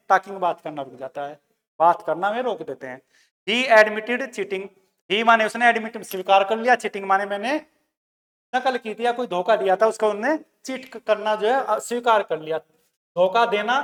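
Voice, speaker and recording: A man's voice: high-pitched, fairly bright tone, big-room sound. A man teaching a grammar lesson. He explains step by step, repeats key words and calls his students "bhai" and "beta". He reads examples.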